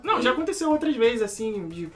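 A man telling lively stories in a casual podcast chat, acting out the scenes as he goes. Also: extremely high pitch, quick pace. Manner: lively storyteller, acts out scenes. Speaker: former airport security worker telling stories.

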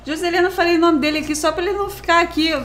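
A woman's voice: very high-pitched, fairly even intonation, rapid-fire, over a noisy crowd. A Brazilian woman co-hosting a casual podcast, telling stories and joking at her own expense. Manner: chatty, self-mocking storyteller. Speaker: podcast co-host.

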